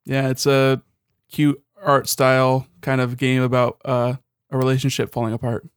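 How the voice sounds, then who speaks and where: A man's voice: mid-range voice, monotone, moderate pace, clean tone, dry recording, clean studio sound. A young man co-hosting a podcast in an easygoing, rambling and wry way, talking through games. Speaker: podcast co-host. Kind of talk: casual chat.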